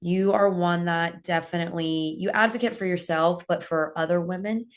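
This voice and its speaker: A woman hosts a relaxed podcast chat, her voice stuffed up and a bit husky from a cold. She talks in a loose, friendly way, full of small fillers. It sounds like a laptop recording in a small gym office. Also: fairly low pitch, moderate pace. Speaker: podcast host. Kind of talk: casual podcast interview. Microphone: laptop, recorded on a call.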